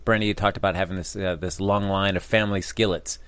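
A man's voice: deep voice, fairly even intonation, quick pace, fairly bright tone, clean tone, no echo. A man co-hosting a casual talk show about a cooking competition, rambling and self-deprecating. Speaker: co-host. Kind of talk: casual chat.

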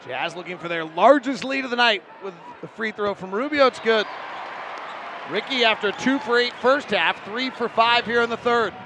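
Male play-by-play announcer, high gravelly voice, clipped fast calls over loud arena noise. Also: a crowd in the background. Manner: rapid clipped play calls, bursting into shouts on big plays. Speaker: play-by-play commentator. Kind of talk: live basketball commentary.

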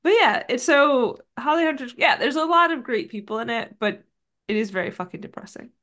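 A woman's voice: a little high, lively intonation, fairly quick, a bit bright. A woman in her thirties co-hosting a casual movie podcast, rambling with lots of "like" and "um". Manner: rambling, filler-heavy, frequent "like". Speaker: podcast co-host. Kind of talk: casual movie recap chat.

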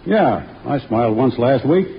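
A man playing a glum, reluctant, hapless Santa in an old radio comedy, with a halting, folksy delivery. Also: medium pitch, lively intonation, vocal fry. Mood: glum, deadpan. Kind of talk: 1940s radio comedy acting. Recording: dull old radio broadcast, loud audience noise.

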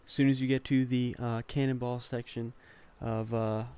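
A man's voice: medium pitch, flat delivery, moderate pace, dark tone, clear, resonant tone. A man co-hosting a casual podcast in a studio, laid-back and teasing. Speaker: podcast co-host.

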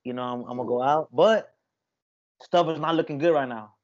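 Higher-pitched frat-bro podcast guy, slightly muffled. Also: brisk. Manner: frat bro talk, repeats himself, slangy. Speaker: podcast panelist. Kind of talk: casual sports podcast chat. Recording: slightly dull lo-fi sound.

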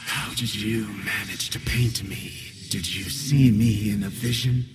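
A man voicing an ancient, menacing death-spirit creature in a hissing, whispery, slow and coaxing voice. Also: fairly low pitch, fairly even intonation, loud music behind the voice.

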